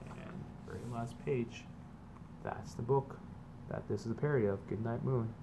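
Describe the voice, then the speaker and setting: A man in a mid-range voice at normal speed reads a children's book like a teacher, combining emphatic, sing-song moments with easygoing explanations for students. The recording carries clear background noise.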